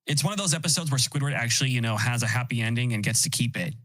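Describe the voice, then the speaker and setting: A man's voice: mid-range voice, racing, fairly bright tone. A man chatting as a livestream guest, enthusiastic and often restarting his sentences. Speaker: guest, host's boyfriend. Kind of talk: casual chat.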